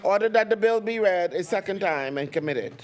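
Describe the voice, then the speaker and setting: A high-pitched man with a Bahamian accent presides over a parliamentary debate. He speaks in formal procedural language and insists on his point by repeating phrases. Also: lively intonation, brisk. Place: parliament chamber.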